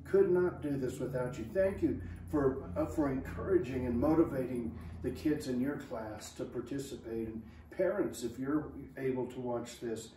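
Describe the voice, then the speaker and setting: Man, mellow, grateful thank-you speech, roomy, faint hiss. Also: medium pitch, moderate pace, few pauses. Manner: grateful, earnest. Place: living room, indoors. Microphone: far camera. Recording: roomy, distant camera audio with faint noise.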